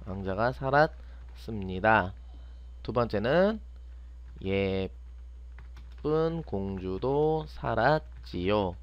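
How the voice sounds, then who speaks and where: Pausing often and speaking very slowly, a man with a lowish, animated voice leads an unscripted screen tutorial on programming. He's a teacher who keeps raising questions and answering them himself, and the sound quality is lo-fi.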